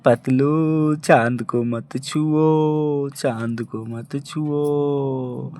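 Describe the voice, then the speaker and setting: A man voicing a chubby, excitable adult cartoon buddy in an amateur cartoon dub, exclaiming and repeating his lines. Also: mid-range voice, drawn-out words. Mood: excited.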